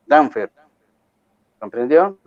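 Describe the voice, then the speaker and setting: A man's voice: medium pitch, expressive, slow pace, dry recording, muffled recording. A man teaching a university class, giving firm instructions and checking in with the students again and again. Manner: firm, repeats points with rhetorical checks. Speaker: university lecturer.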